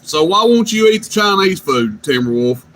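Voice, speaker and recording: A CB radio operator teases and jokes with a friend in casual radio banter, his voice sitting high with big pitch swings at a moderate pace. The transmission is noisy.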